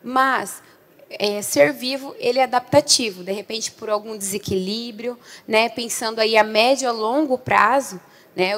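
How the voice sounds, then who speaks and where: A woman with a Brazilian accent explains research to an audience. Her voice sits a little high, and she punctuates her points with small tag questions. A long hall reverb surrounds it. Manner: explanatory, often adding checking tags. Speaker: conference presenter on agricultural research. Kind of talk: presentation to an audience.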